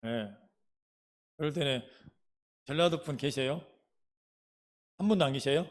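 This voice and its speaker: A man's voice: on the high side, measured pace. A middle-aged man from Jeolla province, a pastor speaking with a Jeolla dialect, telling his life story in a sermon and checking in with the congregation. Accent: Jeolla Korean dialect. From Jeolla province, Korea. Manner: folksy storytelling, asks the congregation questions. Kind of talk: sermon with personal testimony.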